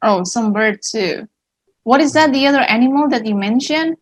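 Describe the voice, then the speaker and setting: A woman from Indonesia, an English and Indonesian teacher co-hosting, asks questions in a friendly, curious way, with lots of small acknowledgements. Her voice is on the high side, animated, at a moderate pace, in casual conversational Q&A.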